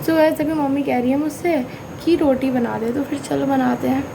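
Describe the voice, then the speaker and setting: A woman's voice: sits high, steady tone, moderate pace, creaky, background noise. A young woman chatting casually in a home vlog, rambling and apologetic, with a sore throat. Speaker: vlogger. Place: family home, indoors.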